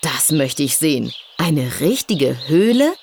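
A woman voicing a timid, anxious young boy in a storybook reading, in a high, strained boyish voice. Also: very animated, a little slow, darkish tone, a little hiss or hum, full character voice. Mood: curious.

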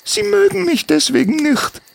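A man's voice: extremely high pitch, expressive, normal speed, vocal fry, no echo, voice pushed up, full character voice. A man voicing a sad, shy young forest gnome girl who sighs and answers in short, tearful phrases. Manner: sighing, tearful, clipped answers.

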